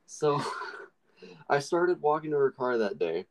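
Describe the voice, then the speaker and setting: A man's voice: fairly high pitch, sing-song, takes it slowly, poor audio. A young man casually telling a long story with many fillers on a podcast. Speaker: podcast co-host.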